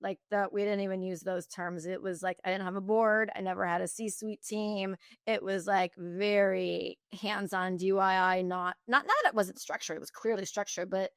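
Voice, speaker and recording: A woman who founded a company, talking candidly in an interview, fast and animated, with many restarts and "like.". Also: mid-range voice, smooth, no echo, clean studio sound. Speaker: founder and guest.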